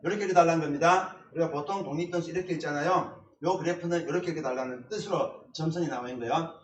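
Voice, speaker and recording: A male instructor teaches at a blackboard with emphatic repetition of key words. His voice sits a little high. He is picked up from some distance in an echoey classroom, with faint background noise and clicks. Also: racing. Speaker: essay-writing instructor. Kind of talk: blackboard lecture.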